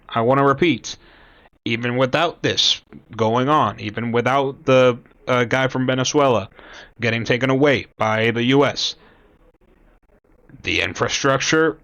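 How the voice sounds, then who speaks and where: Young Cuban-born man, casual solo commentary, slow and halting, reads bits of an article aloud. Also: medium pitch, a bit bright, muffled recording. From Cuba. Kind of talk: casual talk to camera.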